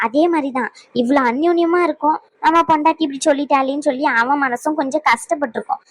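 A woman's voice: high-pitched, fast talker, close to an everyday voice. A woman voicing a stern middle-aged mother-in-law who lectures and scolds her family in a cartoon drama. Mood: scolding. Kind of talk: Tamil cartoon drama voice acting.

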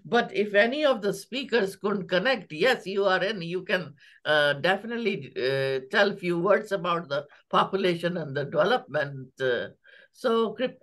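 Halting woman moderating a webinar. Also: lowish voice, lively intonation, fairly bright tone. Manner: halting, many restarts. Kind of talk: moderating a video call.

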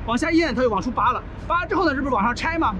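A man's voice: extremely high pitch, expressive, racing, background noise. A middle-aged man from China, a trucker vlogger, bluntly explaining a truck repair step by step and swearing freely, filmed on a body-worn camera in an outdoor truck yard. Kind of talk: casual how-to commentary while repairing. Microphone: body-worn action camera.

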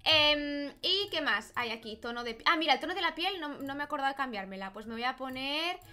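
High bright excitable Spanish woman gamer. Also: fairly quick. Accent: Spanish from Spain. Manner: excitable, squeals over cute things. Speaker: gaming YouTuber. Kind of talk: casual gameplay commentary. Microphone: desk microphone with headphones.

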